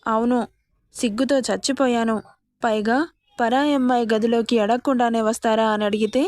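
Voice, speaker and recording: Innocent young bride asking naive pleading questions , lady reading, kinda high voice. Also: darkish tone, no echo, clean studio sound, lightly acted.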